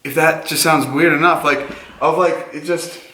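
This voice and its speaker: A man talking casually and haltingly as he hosts a paranormal investigation vlog. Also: a little high, steady tone, sharp tone. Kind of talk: casual ghost-hunt vlog talk. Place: small cobblestone and brick basement room in an old jail. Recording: echoey room, distant from mic.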